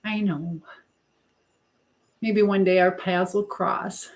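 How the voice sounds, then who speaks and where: An American livestream host speaks slowly in a steady, mid-range voice while she cooks. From her home kitchen, she casually chats with viewers, reading their comments out loud and replying to them.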